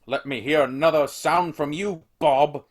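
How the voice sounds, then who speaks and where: An actor playing Scrooge, a bitter, scornful old miser who dismisses everyone with gruff outbursts. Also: male voice, on the high side, a little slow. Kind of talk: amateur radio play acting.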